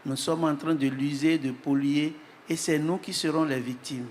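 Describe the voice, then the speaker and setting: A man speaking as a panelist in measured, solemn remarks, pausing for his interpreter. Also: on the high side, fairly even intonation, darkish tone. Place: large hall at an event. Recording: reverberant hall, faint noise.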